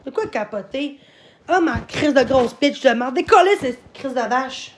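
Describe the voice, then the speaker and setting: High-voiced Québécois woman ranting on stream. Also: animated, measured pace, slight background noise. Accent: Québécois French. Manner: swears constantly, rants and repeats herself; bursts into shouting. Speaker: livestreamer answering her chat. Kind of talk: live-stream rant.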